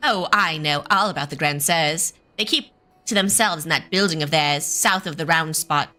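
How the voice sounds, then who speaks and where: A gossipy game townsperson played by a woman, folksy and plain-spoken. The voice sits a little low and stays bright, over music. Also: moderate pace. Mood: gossipy, warning. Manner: folksy, informal.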